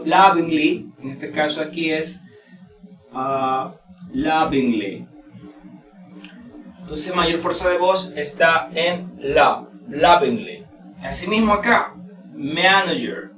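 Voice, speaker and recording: A man giving a pronunciation lesson in a casual teaching manner, repeating example words slowly to show stress. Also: on the high side, reverberant, recorded from a distance, low-quality recording. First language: Spanish. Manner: slow, drawn-out model words repeated for stress. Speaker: English teacher.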